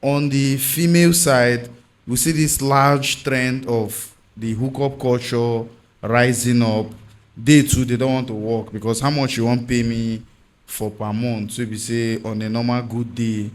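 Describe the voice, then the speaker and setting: A man's voice: mid-range voice, steady tone, measured pace. A man with a Nigerian accent hosting a discussion in English mixed with Pidgin. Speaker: podcast host.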